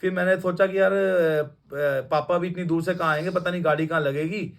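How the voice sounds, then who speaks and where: A young man recounts a personal story in a loose, rambling way, stopping and restarting often. His voice sits a little higher than most men's. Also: little pitch movement, brisk. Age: young adult. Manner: rambling, with many restarts and fillers. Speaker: devotee sharing a testimony. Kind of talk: casual storytelling testimony.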